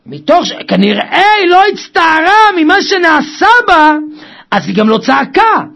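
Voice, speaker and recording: A man preaching a Torah sermon with passion, swinging from quiet talk to loud cries. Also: very high voice, sing-song, gravelly. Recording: dull lo-fi recording.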